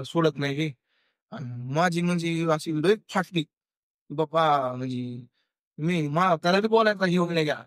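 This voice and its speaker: A young man with a Marathi accent, speaking a little high for a man and telling a spooky story in a halting, hesitant way. He uses many fillers and restarts, and he acts out the voices of the people in the story. The recording is dry and close, with no room sound. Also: no room sound. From India. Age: young adult. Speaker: guest storyteller. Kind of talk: casual podcast storytelling.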